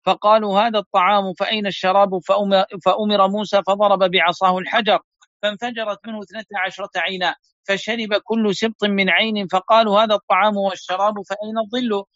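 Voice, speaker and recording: A man teaching a lesson, reading chains of narrators aloud in a fast, steady recitation. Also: sits high, no room sound. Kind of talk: reading hadith chains aloud in an online class. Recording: dull lo-fi online audio.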